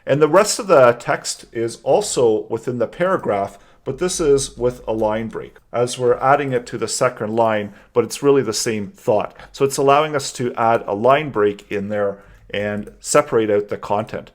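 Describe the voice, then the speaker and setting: A man teaching a web coding tutorial, calmly and methodically explaining each step as he types code. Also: mid-range voice, moderate pace. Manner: calm, methodical explaining while typing code. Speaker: coding instructor. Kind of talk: screen-recorded coding tutorial.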